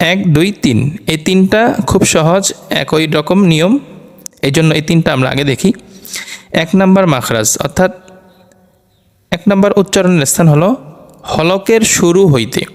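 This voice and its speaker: A man teaching Quran letter pronunciation, explaining slowly and repeating each Arabic letter over and over for practice. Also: fairly high pitch. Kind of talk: slow explanatory lesson with drilled letter sounds. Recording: long reverberant room echo.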